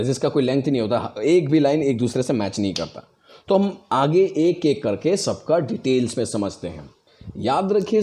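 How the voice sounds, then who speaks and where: Animated man explaining meter, mellow tone. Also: medium pitch, slight background noise. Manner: explains patiently, stresses words to demonstrate. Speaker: English teacher. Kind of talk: explanatory lesson.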